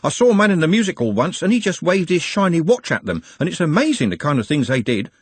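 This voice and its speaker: A man's voice: fairly high pitch, very animated, fast talker, breathy edge, dry recording, pitched above the performer's own voice. A man voicing a cheerful, robust young man who talks eagerly and breezily.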